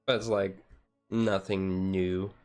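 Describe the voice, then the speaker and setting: Slow and flat in a low voice, a man rambles his way through a relaxed ASMR chill livestream, hedging with lots of "like" and "and stuff." Faint music plays behind him.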